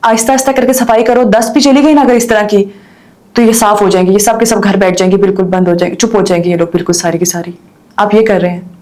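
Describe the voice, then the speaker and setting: A woman's voice: medium pitch, fairly even intonation, quick pace, darkish tone. Earnest woman. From Pakistan. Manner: earnest, indignant. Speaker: guest. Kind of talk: podcast discussion.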